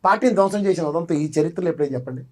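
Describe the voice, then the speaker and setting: A man with a Telugu accent gives his analysis in a TV interview, talking quickly and with force. His voice sits a little high, and he keeps throwing rhetorical questions back at the interviewer while mixing in English phrases. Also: expressive, a little mellow. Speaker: political analyst guest. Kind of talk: TV news interview.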